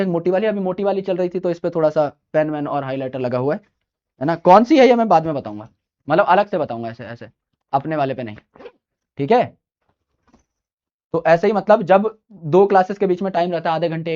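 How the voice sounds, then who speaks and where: A man's voice: on the high side, lively intonation, a little fast, darkish tone. A male teacher speaking informally, emphatic and chatty, circling back to hammer home his main points. He calls his listeners brother as he talks. The recording is muffled and lo-fi. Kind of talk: informal study-advice lecture.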